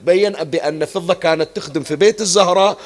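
A man's voice: sits high, fast talker. A man preaching a sermon, asking rhetorical questions and breaking into a chant on some phrases.

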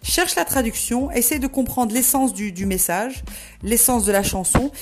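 A woman's voice: fairly high pitch, moderate pace, natural voice. A woman voicing a confident female friend who firmly gives step-by-step instructions, with faint music behind. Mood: firm, encouraging.

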